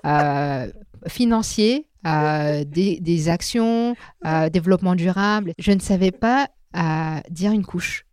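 A French woman appears as a guest on a podcast, chatting casually in an interview with frequent hesitations and filler sounds. Her lowish voice is slow and a little mellow, in a studio-quality recording with no echo.

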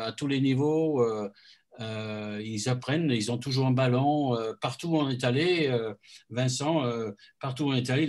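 A man from New Zealand answering an audience question at a book talk, earnest and halting with many restarts. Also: mid-range voice, a little mellow.

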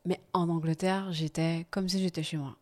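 Lively woman telling her story. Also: lowish voice, moderate pace. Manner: lively, laughing, animated when telling anecdotes. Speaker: podcast guest. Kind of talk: casual storytelling interview.

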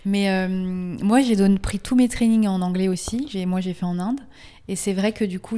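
A woman's voice: medium pitch, dark tone. A woman hosting a casual interview, asking rambling, hesitant questions with many fillers. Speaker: interviewer and fellow yoga teacher.

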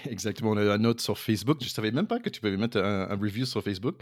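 A man's voice: on the low side, animated, fast talker, dry recording, clean studio sound. A middle-aged American man co-hosting a casual podcast in his second language, with many fillers and restarts. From United States. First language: English. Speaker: podcast co-host.

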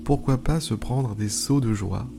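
A man hosting an improvised guided meditation, pausing often, repeating phrases and slipping into informal asides. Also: mid-range voice, vocal fry. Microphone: speaking into a microphone. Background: music.

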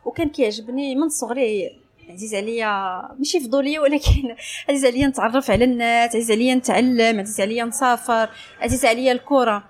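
A woman's voice: fairly high pitch, fast talker. A woman with a Moroccan Arabic accent, telling her story casually as an interview guest and mixing French phrases into her speech. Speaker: interview guest, sports journalist.

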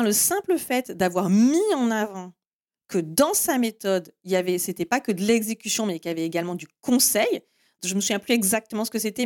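A woman's voice: mid-range voice, darkish tone. A woman hosting a marketing podcast, explaining steps in a didactic way with self-deprecating asides. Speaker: marketing agency host.

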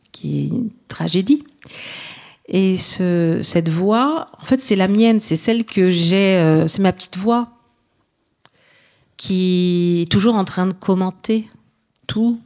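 A woman's voice: lowish voice, darkish tone. A woman novelist answering readers' questions about her writing, thinking aloud with many restarts and fillers.

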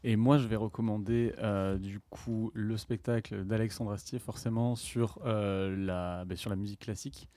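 Joking radio co-host. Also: male voice, lowish voice, steady tone, normal speed, few pauses, warm tone, no room sound. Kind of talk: casual radio chat.

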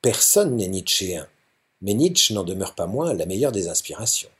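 A man's voice: deep voice, very animated, moderate pace, fairly bright tone. A man voicing a serious, composed young woman tutor who asks precise questions in a storybook reading. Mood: measured.

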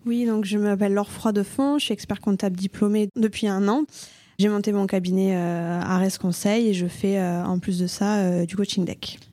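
A woman's voice: mid-range voice, steady tone, normal speed, warm tone, dry recording. A young woman from Toulouse with a Toulouse accent, a guest in an interview, talking frankly with many fillers in a coworking space. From Toulouse, France. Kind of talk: conversational interview.

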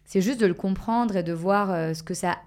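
A woman's voice: medium pitch, moderate pace, a little mellow. A woman speaking as a podcast guest, reflective and hesitant, with many fillers and restarts. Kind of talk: casual podcast conversation.

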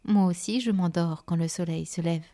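A woman's voice: on the low side, normal speed, dark tone, natural voice. A woman voicing a playful, friendly male moth in a children's storybook, light and amused.

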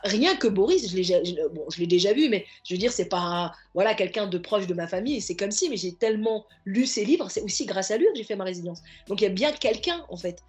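A woman therapist and coach speaks as a podcast guest in a mid-range voice with lively intonation, fairly quick and almost without pauses, over soft background music. She's earnest and reflective, searching for words, circling back and stacking restarts.

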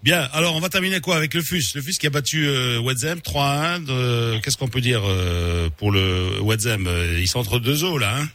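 A man co-hosting a radio sports segment, asking questions in a lively, conversational way. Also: mid-range voice, moderate pace, hardly any pauses, no room sound.

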